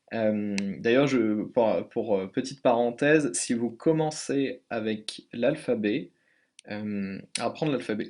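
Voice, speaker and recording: A man's voice: medium pitch, a little mellow. Hesitant French man explaining a tutorial. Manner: hesitant, many fillers and self-corrections. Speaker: language tutor. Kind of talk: casual screen-recorded tutorial.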